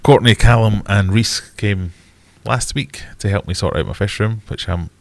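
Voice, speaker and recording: Deep, bunged-up British man. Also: normal speed, creaky, no room sound. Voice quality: bunged-up, congested nasal voice. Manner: blunt, wry, rambling. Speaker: livestream host answering viewer questions. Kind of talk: casual livestream chat.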